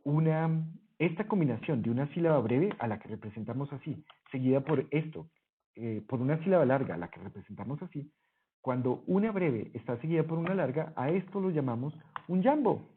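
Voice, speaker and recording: A man's voice: fairly high pitch, animated, brisk, a little hiss or hum. A man teaching a Greek lesson over a screen recording, explaining patiently and correcting himself as he goes. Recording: husky voice, phone-like narrow sound.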